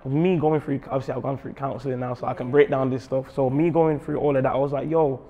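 A man's voice: medium pitch, fairly even intonation, fast, dull audio. A man, a guest in a casual interview, laid-back and reflective, often checking in with tag questions. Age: 20s. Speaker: musician guest. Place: small office studio.

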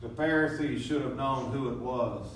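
A man's voice: medium pitch, normal speed, fairly bright tone. Guy preaching, dramatic, acts out the crowd, big echo, faint hiss. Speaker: pastor. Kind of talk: sermon. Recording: echoey room, from a distance.

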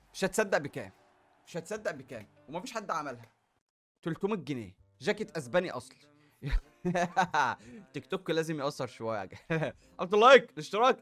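Excitable Egyptian man opening game packs. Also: high-pitched. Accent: Egyptian Arabic. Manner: animated, exclaims and groans at results. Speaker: gaming YouTuber.

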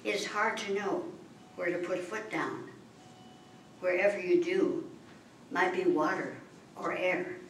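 An older woman at a library open mic, reading free verse in a measured, deliberate way with pauses between phrases. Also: fairly low pitch, steady tone. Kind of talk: slow, measured poetry reading. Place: library meeting room, at a podium. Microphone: podium mic, far camera. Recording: echoey room from far off, faint hiss.

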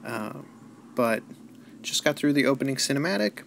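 A man's voice: mid-range voice, lively intonation, moderate pace, gravelly, a little hiss or hum. A man giving casual, laid-back commentary on a game he is playing, thinking aloud and making dry jokes. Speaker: let's play host. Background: loud game music.

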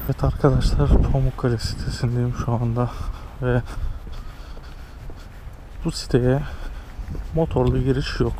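A man's voice: mid-range voice, mellow. A man vlogging and interviewing fellow couriers casually, recorded outdoors on an action camera. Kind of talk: casual street interview and vlog commentary. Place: outdoors on city pavements. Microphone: action camera worn by speaker. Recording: outdoor street and vehicle noise.

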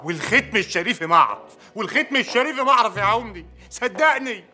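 A man's voice: high-pitched, expressive, fast talker, pushed and bright, full character voice. An actor playing a frightened villager protesting his innocence with an Egyptian accent. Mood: pleading. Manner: begging, protesting.

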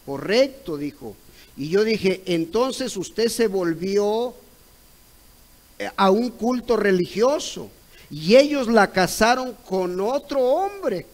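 A Mexican man preaching a Sunday school sermon, retelling a conversation, pausing to ask "¿ve?" and at times rising to loud cries. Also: high-pitched, lively intonation, poor audio. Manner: retells a dialogue, repeating "correcto" and "¿ve?"; rises to loud exclaimed cries when acting out others.

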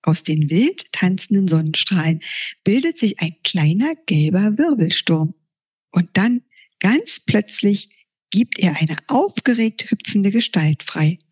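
A woman reads her own children's book aloud with lively expression. Her voice is breathy and husky, at a middle pitch. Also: takes it slowly. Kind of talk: storybook reading.

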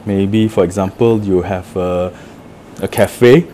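A man's voice: deep voice, steady tone, slow pace, mellow, slight background noise. A man casually walking through a product demo, explaining each step plainly in an office room. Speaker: product demonstrator. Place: indoor office room with a table.

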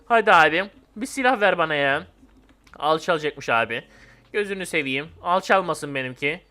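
A young man doing casual, excitable gameplay commentary, joking and talking to viewers. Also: a little high, moderate pace. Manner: excitable, jumpy, joking, talks to friends and viewers. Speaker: gaming YouTuber.

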